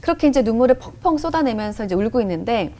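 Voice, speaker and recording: Animated woman sharing a faith testimony. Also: fairly high pitch, racing. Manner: animated storyteller who acts out her own past outbursts. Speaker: guest telling her faith testimony.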